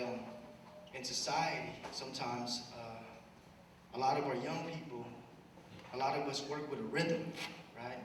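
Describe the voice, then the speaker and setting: A man in his thirties, originally from Cambodia, speaks to young people from a distance across a big hall. His voice carries a long reverb, with steady noise underneath. He talks earnestly and presses his points with tag questions. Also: medium pitch. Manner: earnest, building to loud urgent appeals, leaning on tag questions. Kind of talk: personal story and motivational talk. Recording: echoey hall, distant mic, background noise.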